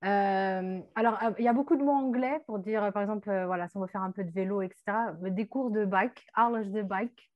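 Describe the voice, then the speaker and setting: A woman's voice: medium pitch, fast talker, few pauses, highs cut off. Chatty woman teaching vocabulary, hesitant. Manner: chatty, many hesitations, mixes in foreign words. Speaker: language teacher. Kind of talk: explaining vocabulary on a radio show.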